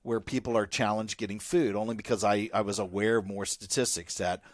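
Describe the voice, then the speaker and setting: Low-voiced man co-hosting a podcast. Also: steady tone, a little fast, no echo, studio quality. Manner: conversational, with frequent restarts and asides. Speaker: podcast co-host. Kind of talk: casual podcast chat.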